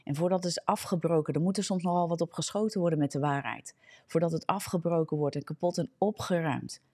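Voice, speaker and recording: A woman's voice: fairly low pitch, fast talker, darkish tone. A woman with a Dutch accent preaching in a live morning broadcast, fervent, often checking in with "ja?" and correcting herself. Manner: fervent, frequent checking "ja?", restarts and self-corrections. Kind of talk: preaching a live social media sermon.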